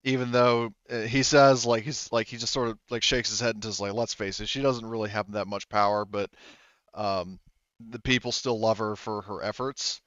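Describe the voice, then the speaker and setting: A game master running a tabletop roleplaying game narrates loosely and improvises, relaying what characters say in the third person. His voice is fairly low, with a bright, clean tone. The recording has no echo, but the highs are cut off.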